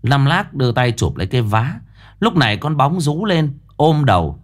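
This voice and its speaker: A man narrating an audiobook ghost story in a lively storytelling manner. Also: mid-range voice, normal speed.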